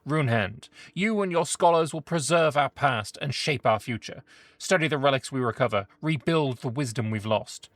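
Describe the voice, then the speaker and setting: A man's voice: medium pitch, animated, normal speed, dry recording, natural voice. A man reading the lines of a stern, commanding male dwarf emperor, giving firm, declamatory orders.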